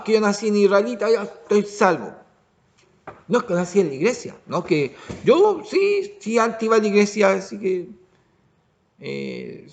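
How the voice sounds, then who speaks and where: A man teaching a Bible lesson as pastor, often pausing to check the congregation understands. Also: a little high, creaky. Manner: restarts and asks "¿ya?" to check understanding. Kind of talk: Bible study sermon.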